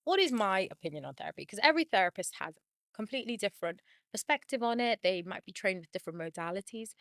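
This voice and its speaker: A woman therapist hosting her own channel, talking casually and quickly, laughing often and saying "like" a lot. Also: mid-range voice, lively intonation, a bit bright, dry recording. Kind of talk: casual talk to camera.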